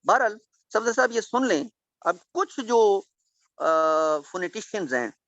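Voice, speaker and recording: Male teacher, classroom lecture, animated delivery, dull lo-fi dry recording. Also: sits high, a little slow, no echo. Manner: explains patiently, repeating key points. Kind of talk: classroom lecture with questions to students.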